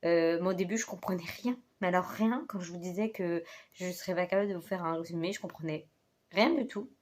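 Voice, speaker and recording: A woman's voice: on the low side, fast, a little mellow. A woman talking casually into a phone as a book vlogger, hesitant, with many fillers and self-corrections. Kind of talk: casual chat. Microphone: phone held in hand.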